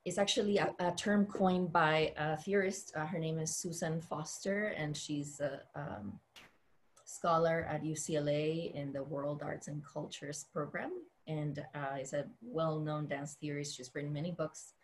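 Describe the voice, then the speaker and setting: A woman's voice: sits low, slight background noise. A woman from the Dominican Republic, a dance teacher and choreographer, speaking thoughtfully on a panel with many fillers and restarts. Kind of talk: panel discussion.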